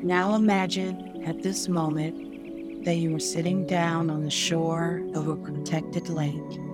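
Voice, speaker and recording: A woman podcast host narrating a guided meditation like a sleep story, soothing and unhurried, leaving pauses between short phrases. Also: fairly low pitch. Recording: new-age music behind the voice. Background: calm new-age music.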